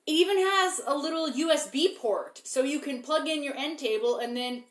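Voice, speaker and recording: A woman's voice: sits high, moderate pace. A young woman co-hosting a casual chat over beers at home, rambling and laughing as she talks. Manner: rambling, laughing, self-interrupting. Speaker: podcast co-host. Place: living room at home. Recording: echoey room.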